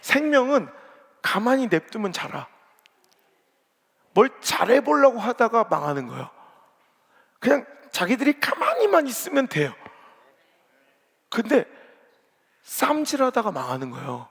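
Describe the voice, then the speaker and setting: Gravelly, blunt-talking male pastor. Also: very high voice, very animated, unhurried, long pauses, fairly bright tone. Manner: blunt, joking, colloquial preaching. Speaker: senior pastor. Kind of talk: revival sermon. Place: large church sanctuary. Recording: long reverb of a big church hall.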